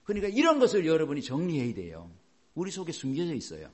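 A man preaching a sermon in an animated way, asking rhetorical questions and chuckling as he goes. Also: a little high, quick pace. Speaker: pastor.

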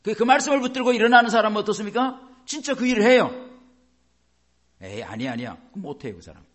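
A man's voice: very high-pitched, expressive, rapid-fire. A male pastor giving a sermon, often asking the congregation rhetorical questions and acting out short dialogues in different voices. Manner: acts out little dialogues in changing voices.

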